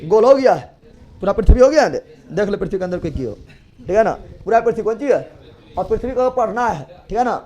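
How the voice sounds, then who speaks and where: A man's voice: sits high, expressive, fast, dark tone, muffled recording. A male teacher giving a geography lesson, drilling students with repeated questions and joking scolds.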